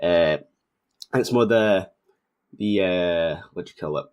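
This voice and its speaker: A man's voice: low-pitched, slow, a little mellow, smooth. A man hosting a wrestling podcast, chatting in a conversational, analytical way. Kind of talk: casual wrestling commentary chat.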